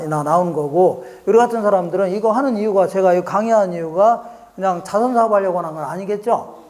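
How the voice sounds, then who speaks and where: This high-voiced man from Korea, whose tone runs somewhat dark, is teaching an exam prep lecture. Questions to the students come constantly, and he plays out small market exchanges in dialogue form.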